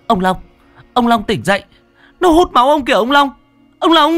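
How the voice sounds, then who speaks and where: A man voicing a fierce young female spirit medium who shouts urgent commands. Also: medium pitch, sing-song, moderate pace, slightly rough, no echo, soft background music, voice pushed up. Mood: frantic shouting.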